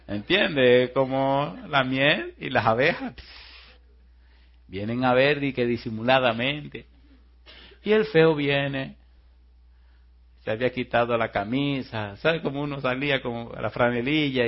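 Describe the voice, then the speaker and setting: A male pastor telling a story in a sermon, animated, with frequent asides to the congregation. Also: medium pitch. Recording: muffled lo-fi recording.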